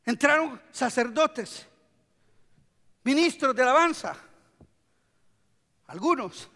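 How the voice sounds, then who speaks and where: A man preaching a sermon as pastor, animated, acting out quotes and swinging between hushed and loud. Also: very high voice, slow pace. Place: church sanctuary. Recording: long hall reverb.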